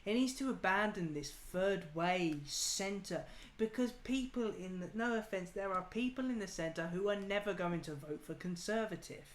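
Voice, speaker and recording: An English man with a high voice argues his political views in a casual debate, ranting emphatically at a normal speed with hardly any pauses. He's a political talk show host, recorded in an echoey room with faint background noise.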